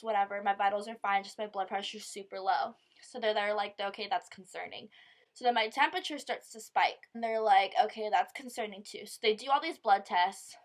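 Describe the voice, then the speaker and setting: A young woman telling a personal story to camera in casual vlog style, with lots of "like" and swearing. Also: mid-range voice. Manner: casual, swearing, quoting others in her own voice; filler-heavy, lots of "like". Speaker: vlogger.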